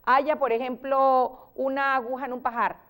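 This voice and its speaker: A Venezuelan woman teacher with a smooth, resonant voice pitched a little high. She explains grammar patiently on a TV interview, piling up example sentences. Her delivery turns lively whenever she acts out an example. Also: moderate pace. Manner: lively, exclaims when acting out examples. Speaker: teacher guest.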